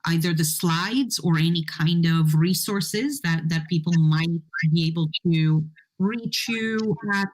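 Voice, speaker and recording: A woman's voice: fairly low pitch, a little mellow, poor audio. A woman casually hosting an online conference livestream, speaking off the cuff and rephrasing as she goes. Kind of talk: casual, unscripted moderating. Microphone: internet call.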